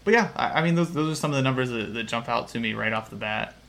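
A man's voice: mid-range voice, fast talker, gravelly, fairly bright tone. A man co-hosting a casual sports betting podcast, talking in a rambling, analytical way with frequent restarts. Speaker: podcast co-host.

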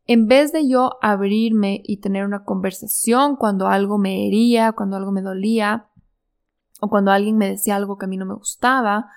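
A woman's voice: mid-range voice, fairly even intonation, normal speed, gravelly. A woman telling a reflective personal story in an earnest, confiding way. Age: adult. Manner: earnest, confiding, many fillers and restarts. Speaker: speaker sharing personal growth story.

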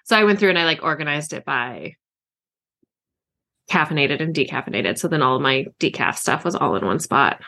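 On a book podcast she co-hosts, an author chats in a bubbly, casual way, dropping lots of fillers and giggles. Her voice is low, expressive and gravelly with a sharp tone, and she talks a little fast.

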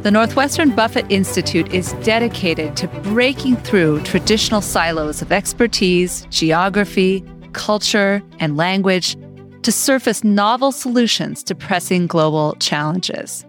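A woman's voice: mid-range voice, animated, unhurried, faint music behind. A woman hosting a podcast, reading a scripted introduction and asking interview questions in a polished manner. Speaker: podcast host.

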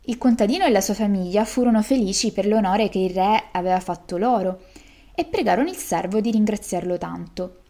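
A woman reading a folk tale aloud as a storyteller, in a lively, expressive way. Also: medium pitch, brisk.

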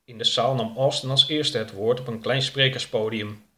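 A man narrating a story in a measured, even way. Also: medium pitch.

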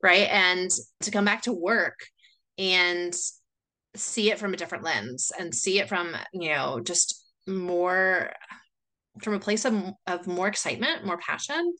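An American woman hosts a casual solo podcast, chatty and rambling, full of "like" and "you know." She speaks animatedly at a measured pace in a fairly low voice with a sharp tone, and the recording is rough.

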